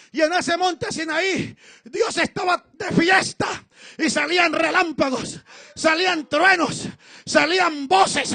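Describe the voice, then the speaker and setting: A man preaching an impassioned sermon as pastor, shouting emphatic, repeated refrains. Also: very high voice, dry recording.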